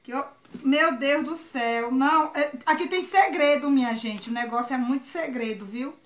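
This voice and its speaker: A woman's voice: high voice, moderate pace, echoey room. A woman from Ceará with a Northeastern Brazilian accent, chatting effusively and exclaiming often as she unboxes on her vlog. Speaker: vlogger.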